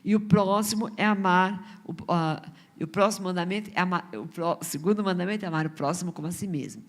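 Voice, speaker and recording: A woman's voice: lowish voice, fast. A Brazilian woman missionary with a Brazilian accent preaching in church, in a conversational way, with many rhetorical questions and stumbling repeats. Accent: Brazilian Portuguese. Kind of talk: sermon.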